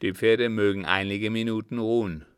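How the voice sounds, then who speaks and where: A man voicing a commanding, scheming captain who speaks forcefully and urgently. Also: fairly low pitch, fairly even intonation, moderate pace, clear, resonant tone, no echo, studio quality, close to an everyday voice.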